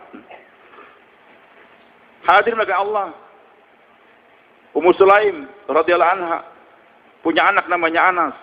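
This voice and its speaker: High-voiced preacher in an echoing hall. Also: male voice. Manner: storytelling preacher with rhetorical questions and murmured "hmm" tags. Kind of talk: religious sermon. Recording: muffled with long hall reverb.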